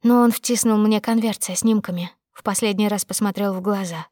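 A woman's voice: medium pitch, steady tone, fairly quick, mellow, no room sound. A woman narrating a dramatic first-person audiobook with tense, emotional storytelling.

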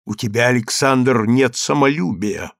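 A man's voice: on the high side, animated, fairly bright tone, dry recording, clean studio sound, pitched above the performer's own voice. A man doing a firm, commanding duel second. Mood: stern. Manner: measured, commanding.

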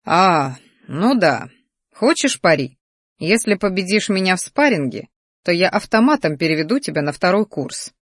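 A woman voicing a mocking, smug male magic teacher in an audiobook, with a slow drawl. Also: fairly low pitch, sing-song, no room sound, studio quality.

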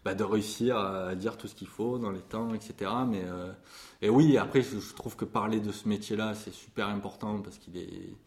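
In an interview, a music publisher in his 40s speaks with passion about his line of work, often using fillers and starting over. He has a lowish, darkish voice and a moderate pace.

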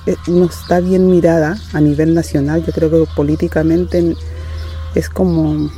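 A woman's voice: low voice, level tone, normal speed, warm tone. A woman, a rural farmer and community leader talking earnestly and determinedly, often restarting her sentences. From Valle de Azapa, northern Chile. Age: 60s. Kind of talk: casual testimony.

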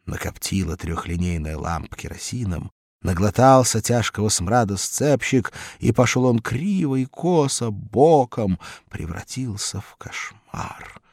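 Slow, expressive male audiobook narrator. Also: fairly low pitch, no echo, clean studio sound. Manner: expressive, unhurried storytelling. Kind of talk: audiobook reading of a humorous story.

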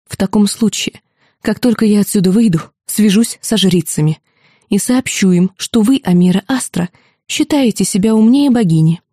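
A woman voicing an angry, proud young woman in a fantasy audiobook, sharp and indignant. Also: mid-range voice, moderate pace, no echo, clean studio sound, close to an everyday voice.

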